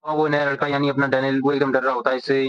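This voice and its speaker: A man narrating a comic's plot as a rapid storytelling recap, voicing each character. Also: mid-range voice, flat delivery, no echo. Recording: dull, dry lo-fi recording.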